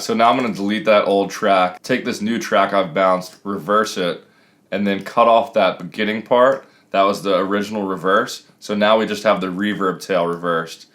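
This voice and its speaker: A man in his thirties with a low, fairly bright voice talks casually as a music production tutor, walking through things step by step. He's recorded in a small room at home.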